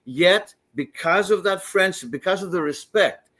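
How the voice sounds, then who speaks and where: A man's voice: high-pitched, lively intonation, measured pace, fairly bright tone. An older man from Greece, a wrestling commissioner, talking eagerly as a guest on a sports talk show and telling stories with many restarts. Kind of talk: casual radio interview.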